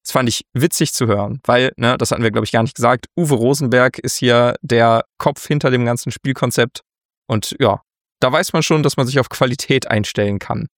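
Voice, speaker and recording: A man co-hosting a casual board game news podcast, relaxed and chatty, laughing often. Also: mid-range voice, dry recording, clean studio sound. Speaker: podcast co-host.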